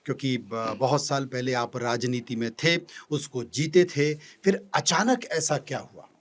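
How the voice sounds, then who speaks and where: A man's voice: mid-range voice, measured pace. Probing male podcast interviewer. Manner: probing, with frequent listening hums.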